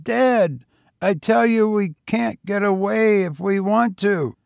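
A man voicing a frail, husky teenage boy tramp who talks eagerly and fatalistically. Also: high voice, slow, no echo, studio quality, pitched above the performer's own voice, heavily acted. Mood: pleading.

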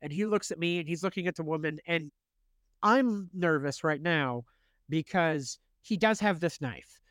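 A young male podcast host spins a casual story, animated and quick to swear, acting out what everyone said. His voice sits a little high for a man. The sound is dry and close, with no room around it. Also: dry recording. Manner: animated, swears freely, acts out quotes.

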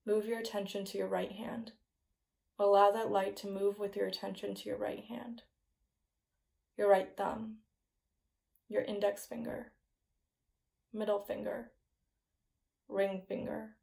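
A woman guiding a yoga nidra meditation in a slow, soothing, hypnotist-like manner with soft phrase endings. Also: mid-range voice, little pitch movement, gravelly. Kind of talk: guided meditation, scripted relaxation narration.

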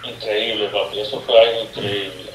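A man's voice: lowish voice, level tone, normal speed, a bit bright. A man speaking as a guest sorcerer in an interview, telling a story in casual speech, acting out its dialogue and dropping English words into his Spanish. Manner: acts out dialogue in his stories. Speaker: guest sorcerer sharing experiences. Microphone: remote call. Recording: echoey distant call line with faint noise.

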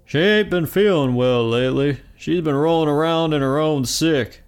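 A man's voice: fairly high pitch, normal speed, clear, resonant tone, pitched above the performer's own voice, natural voice. A man voicing a frail, cheerful old man who talks in a folksy drawl.

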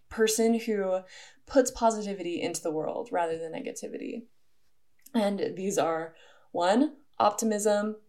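A woman's voice: mid-range voice, darkish tone. Earnest young woman hosting a podcast. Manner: casual and earnest, many "like" fillers. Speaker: podcast host. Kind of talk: solo podcast monologue.

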